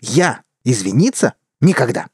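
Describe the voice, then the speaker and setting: A man voicing a brash, hot-headed young man who shouts indignantly in an audiobook. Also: mid-range voice, big pitch swings, measured pace, husky, dry recording, clean studio sound, full character voice. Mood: furious. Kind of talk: audiobook character voice.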